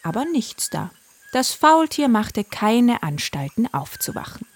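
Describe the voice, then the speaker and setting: A woman narrating a children's story in a lively, playful way. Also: a little high, unhurried, breathy edge.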